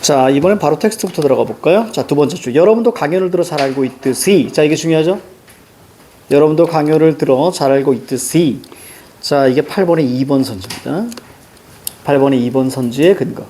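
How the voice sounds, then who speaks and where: Man lecturing on exam questions, higher-pitched. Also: brisk, mellow, slight background noise. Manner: teacherly, prompting students with repeated tag questions. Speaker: Korean language teacher. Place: classroom with a blackboard.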